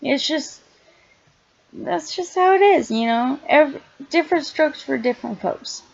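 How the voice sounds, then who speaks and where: A young woman casually explaining her screaming technique in a halting, quiet way, with many fillers and restarts. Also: sits high, animated, gravelly, dull audio. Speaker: vlogger. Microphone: iPad held close.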